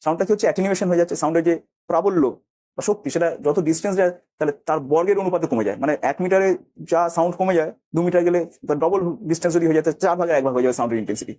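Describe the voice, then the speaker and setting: A male physics teacher explains at a rapid clip, with a dark, mellow tone. He keeps asking his students whether they follow, and he calls out words twice to act out an echo. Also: fairly high pitch. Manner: explains with repeated check questions, acts out echoes. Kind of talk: classroom lesson.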